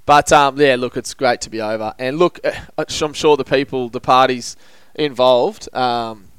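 A man's voice: mid-range voice, moderate pace, clear, resonant tone, no room sound. An Australian man hosting a casual footy show, chatting in a blokey, matey way full of local slang. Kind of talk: casual sports banter.

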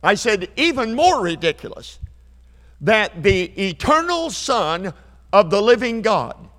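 A man in his seventies preaching a revival sermon, emphatic, repeating key phrases and building to loud climaxes. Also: sits high, very animated, measured pace. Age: 70s. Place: church sanctuary. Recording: long hall reverb.

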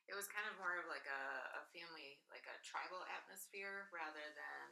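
A woman's voice: on the low side, a little fast, creaky, pushed and bright, low-quality recording. A woman in her late thirties, a guest in a casual interview, talking at length in a chatty, rambling way and laughing easily. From northern Michigan, USA. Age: 30s.

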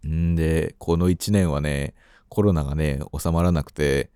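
A man's voice: extremely low pitch, steady tone, a little slow, dark tone, smooth, no echo, clean studio sound. A man hosting a radio corner, chatting in an easygoing storytelling way. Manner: easygoing storyteller, acts out quoted phone talk. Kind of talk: casual radio chat.

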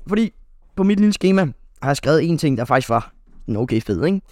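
A man's voice: fairly high pitch, very animated, a little mellow, no room sound, clean studio sound. A young man co-hosting a podcast, telling a rambling story in casual chat, full of fillers and restarts. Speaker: podcast co-host.

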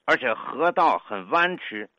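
Older man, Tianjin accent, bright clear voice, dry close sound, careful lecturing delivery. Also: medium pitch, sing-song, dry recording, muffled recording. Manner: measured, lecturing, sounds out syllables. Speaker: dialect scholar. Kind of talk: explanatory talk on pronunciation.

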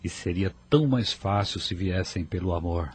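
Man playing a calm fatherly mentor in a radio play, lowish husky voice. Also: moderate pace. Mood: counseling. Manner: calm, counseling, gently persuasive. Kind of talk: radio drama acting.

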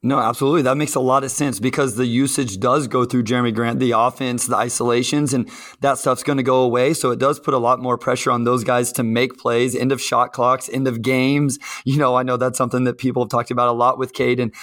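A man's voice: mid-range voice, level tone, brisk, hardly any pauses, a bit bright. A man hosting a sports podcast, chatting casually and asking his guest questions. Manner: conversational, asks guest questions. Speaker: podcast host.

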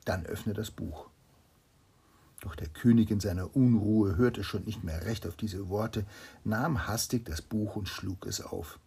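A man reading a fairy tale aloud to a child, with a gravelly, husky voice. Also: fairly low pitch, measured pace, mellow. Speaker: storyteller.

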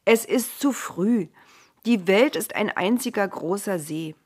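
Woman doing Noah: firm old storybook patriarch, admonishing, unhurried. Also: mid-range voice, a little mellow, breathy edge. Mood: stern. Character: old male patriarch Noah, stern and patient.

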